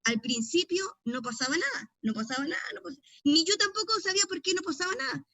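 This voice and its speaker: A woman's voice: extremely high pitch, animated, fast talker, pushed and bright, dry recording. A middle-aged woman pastor with a Chilean accent, teaching a deliverance session in a conversational storytelling way with frequent tag questions.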